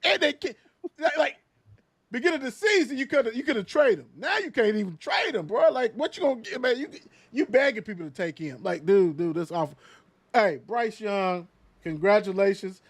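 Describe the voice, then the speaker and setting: A man hosting a casual sports talk show, riffing in animated, slangy banter with plenty of fillers. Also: high voice, moderate pace, dry recording.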